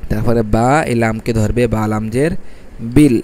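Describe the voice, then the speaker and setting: A man teaches Quran reading step by step. He spells out letters one by one, stretches the syllables slowly, and asks questions that he answers himself. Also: medium pitch, warm tone. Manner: asks questions and answers them himself, repeats each rule. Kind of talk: step-by-step recitation lesson.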